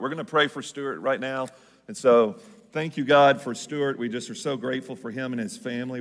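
Southern arkansas pastor guy, creaky voice, church hall reverb, talking and praying to congregation. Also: on the low side. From southern Arkansas, United States. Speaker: church pastor hosting the service. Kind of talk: church stage remarks and extemporaneous prayer. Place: church stage, indoors.

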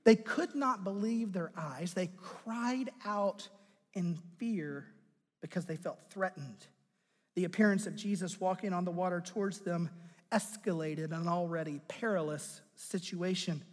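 A male pastor preaching a sermon, swinging between loud emphatic lines and hushed low ones, and putting direct questions to the listeners. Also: a little slow, long reverb tail.

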